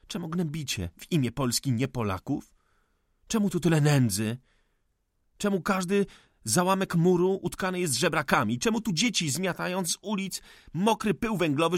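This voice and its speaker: A man's voice: fairly high pitch, a bit bright, dry recording, voice pushed up. A fiery, indignant young man, as a male reader puts him on in an audiobook, hurling accusations in a raised, strained voice. His delivery swings and climbs with passion, and the recording is dry and close. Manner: impassioned, accusing outbursts.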